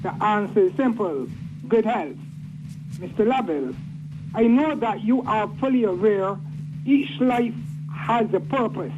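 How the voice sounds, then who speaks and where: A man calling in to a radio show, speaking in a formal, flowery, deliberate way. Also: sits high, lively intonation, a little mellow. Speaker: caller. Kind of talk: phoned-in radio comment. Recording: dull lo-fi phone line with noise.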